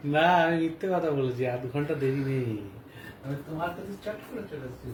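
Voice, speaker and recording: A man's voice: fairly high pitch, fairly quick. A man playing a husband in a home skit, talking in a playful, teasing way. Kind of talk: acted domestic skit. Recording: echoey room from a distance with noise.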